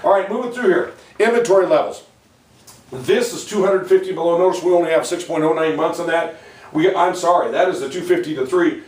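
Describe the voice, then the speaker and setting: Man giving a market update, quick and upbeat, slightly high voice, roomy echo, mic a bit far off. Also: darkish tone. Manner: folksy and emphatic, joking between figures; walks through slides and addresses buyers directly. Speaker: title company president giving a market update. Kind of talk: monthly real estate stats presentation. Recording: echoey room, mic at a distance.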